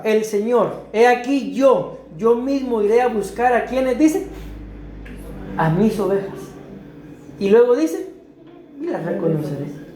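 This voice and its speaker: A woman's voice: fairly high pitch, dark tone. Costa Rican woman preaching in an echoey room. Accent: Costa Rican Spanish. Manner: explains slowly, asks the congregation questions. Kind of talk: sermon teaching.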